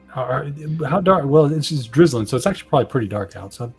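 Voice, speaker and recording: A man's voice: medium pitch, lively intonation, quick pace, slightly rough, soft background music. A man playing in a tabletop game, talking casually about his character's moves. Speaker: player. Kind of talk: tabletop role-play.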